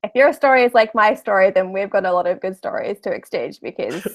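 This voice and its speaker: A woman's voice: mid-range voice, sing-song. A woman playing a flustered, shaken teenage girl in a tabletop game, stammering as she confides. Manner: halting, stammering.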